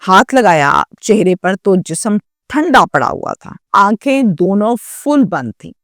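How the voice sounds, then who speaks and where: Woman storyteller, dramatic first-person narration, medium pitch, dry close sound. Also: sing-song, no echo. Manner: dramatic, acts out quoted dialogue.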